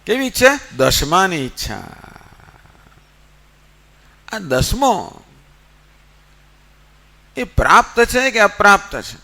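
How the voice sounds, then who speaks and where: A spiritual teacher delivers a Gita discourse, telling a story and asking and answering his own rhetorical questions, counting slowly at times. His voice sits high with big pitch swings, and it's gravelly, bright, and forceful.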